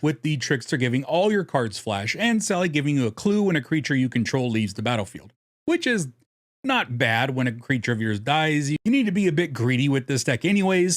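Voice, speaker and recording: Hosting a channel of card game deck guides, a man narrates a scripted explainer in a casual, self-deprecating, jokey way. His pitch is medium, and the studio sound is clean with no echo.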